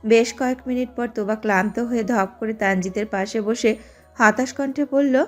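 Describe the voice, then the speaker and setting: A woman giving steady, scripted narration of an audio drama. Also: fairly high pitch, normal speed, soft background music. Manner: steady storytelling.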